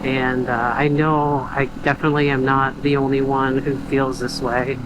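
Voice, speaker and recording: Road and engine noise fill the background as a young man vlogs from his car on the road, venting casually. Speaking at normal speed in a mid-range voice with a level tone, he is quiet and reflective, rambling hesitantly through fillers and restarts.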